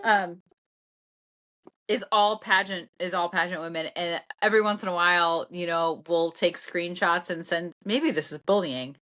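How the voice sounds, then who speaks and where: Chatty woman podcast co-host, animated. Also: moderate pace. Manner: animated, voice jumps high when indignant, many fillers. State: still tearful from laughing. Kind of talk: casual chat.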